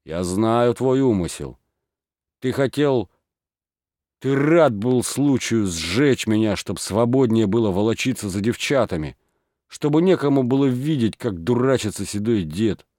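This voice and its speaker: A man's voice: mid-range voice, animated, a little slow, a little mellow, no echo, clean studio sound, natural voice. A man voicing a middle-aged village woman who scolds and accuses in an audiobook reading. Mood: furious.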